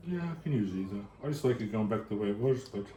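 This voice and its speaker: A man with a low-ish, warm, expressive voice talks fast while putting together a computer for a home vlog. Sounding bored, he mutters and thinks aloud, captured by a camera mic amid room echo and faint hiss.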